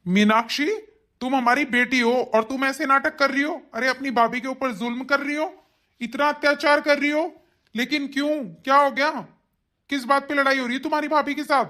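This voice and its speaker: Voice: high voice, fairly even intonation, moderate pace, bright, forceful tone. A voice actor playing a stern father in a cartoon, lecturing and scolding his daughter. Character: stern reproachful father of the house. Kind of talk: cartoon voice acting.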